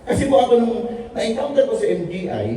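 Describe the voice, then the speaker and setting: A man's voice: very high-pitched, sing-song, fast, dark tone, slight background noise. Man, storytelling testimony, jokes with the audience, distant mic, heavy room echo. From Philippines. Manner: joking, storytelling, acts out quoted dialogue. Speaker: invited speaker at a business presentation. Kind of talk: testimonial speech to a seated audience. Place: large echoey meeting room. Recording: very echoey room, voice from far off.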